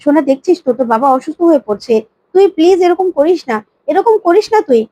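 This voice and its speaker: A woman's voice: sits high, lively intonation, quick pace, warm tone, no room sound, lo-fi sound. A woman voicing a worried family woman who pleads with the others. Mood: pleading.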